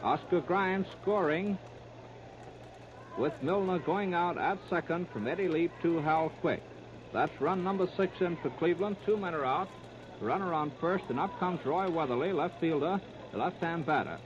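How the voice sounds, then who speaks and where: This baseball play-by-play announcer, a male American radio commentator of the 1930s, has a higher-pitched voice and a moderate pace, describing the action in clipped present tense as it happens. Heavy noise fills the dull, muffled 1939 radio disc.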